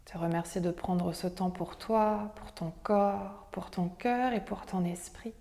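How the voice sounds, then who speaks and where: A woman leading a guided breathing meditation in a soft, breathy, near-whispered voice, with soothing, measured instructions. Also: medium pitch. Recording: long hall-like reverb.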